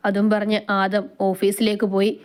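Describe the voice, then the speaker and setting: A woman's voice: mid-range voice, completely flat delivery, moderate pace, clean tone. A woman with a Malayali accent narrating a romance story aloud, reading it dramatically and giving each character a voice.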